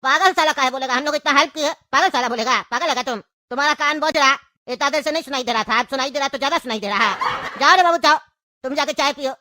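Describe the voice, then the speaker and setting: A woman's voice: high voice, quick pace, no echo, clean studio sound. A woman voicing a bossy, mocking know-it-all man in a comedy skit, with a Bhojpuri-region Hindi accent. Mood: teasing. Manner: scolding, mocking, loud.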